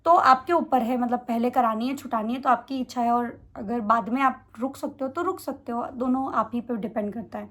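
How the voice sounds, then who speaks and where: A young woman vlogger answering viewer questions in a fast, chatty way. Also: on the high side, fairly even intonation. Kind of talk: casual Q&A chat.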